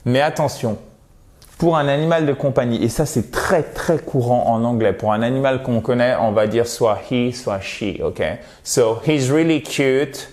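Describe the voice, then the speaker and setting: A man's voice: mid-range voice, normal speed, a little mellow. A man teaching English to French speakers in a video lesson, explaining patiently and playfully exaggerating example pronunciations.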